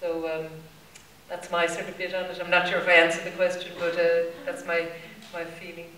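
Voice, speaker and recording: A woman's voice: lowish voice, completely flat delivery, moderate pace, fairly bright tone, distant mic, a little hiss or hum. A woman from Ireland with a Limerick accent, answering candidly on a conference panel, with many fillers and restarts. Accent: Irish, Limerick. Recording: roomy hall, voice from the mic.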